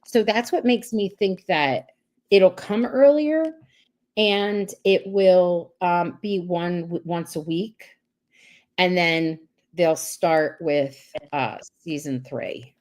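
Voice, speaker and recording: A woman's voice: lowish voice, slow, a little mellow. A woman hosting a casual live-stream chat over a video call, talking in a rambling way with many restarts. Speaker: host.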